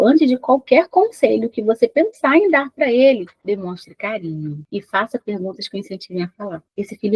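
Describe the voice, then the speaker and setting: A woman's voice: medium pitch, a little mellow, breathy edge, dry recording, poor audio. A woman with a Brazilian Portuguese accent who gives parenting advice and talks straight to mothers, explaining things and asking them questions. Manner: explanatory, addresses the mother directly with rhetorical questions. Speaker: parenting educator. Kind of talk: direct-to-camera advice talk.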